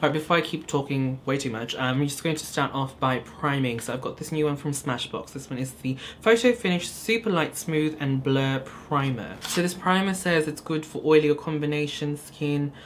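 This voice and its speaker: A man's voice: fairly high pitch, normal speed, hardly any pauses, slight background noise. A young man from Hong Kong, chatting casually with viewers while doing his makeup, with lots of ums and likes. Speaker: beauty vlogger. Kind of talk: casual get-ready-with-me chat. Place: small indoor studio corner.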